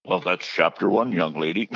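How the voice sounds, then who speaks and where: Deep-voiced guy spinning stories in an interview, kinda dull muffled sound. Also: animated, a little slow, gravelly, a bit bright, dry recording. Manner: chatty anecdotal storyteller who acts out quotes. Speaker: author interviewed about his book. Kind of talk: casual interview storytelling.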